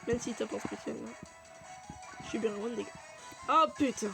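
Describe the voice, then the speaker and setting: A woman commenting on her own video game run in a chatty, excitable way, swearing freely as she reacts. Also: fairly high pitch, normal speed, gravelly, over music. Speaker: gaming video creator. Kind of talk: let's play commentary.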